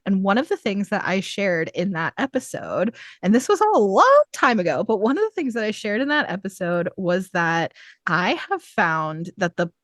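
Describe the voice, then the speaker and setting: A woman's voice: mid-range voice, moderate pace, no echo, studio quality. A woman hosting a podcast, chatting in a casual interview with frequent laughs. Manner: animated, laughing often. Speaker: podcast host.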